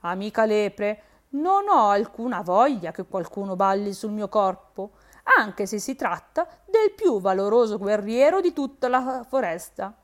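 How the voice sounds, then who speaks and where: A woman voicing a calm, majestic elephant who politely declines to help. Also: medium pitch, a little slow.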